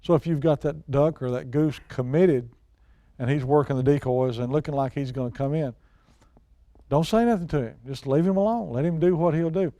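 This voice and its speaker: A man's voice: a little high, a little fast, dark tone, dry recording. A middle-aged or older man, talking casually and telling hunting stories in a folksy, plain-spoken way. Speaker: guest expert and outdoors show personality. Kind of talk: casual hunting talk and storytelling.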